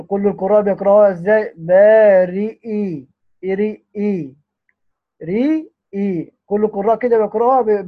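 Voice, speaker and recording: A man with an Egyptian accent teaching the Quranic readings. He draws the recited words out slowly, then explains in quick speech full of restarts. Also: high-pitched. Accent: Egyptian Arabic. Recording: tinny phone-like audio.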